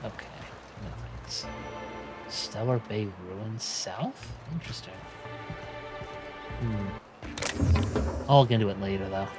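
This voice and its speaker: Casual male gamer over clear music. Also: lowish voice, slow pace, pauses often. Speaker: let's play gamer. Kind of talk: casual game commentary. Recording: game music behind the voice. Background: game music.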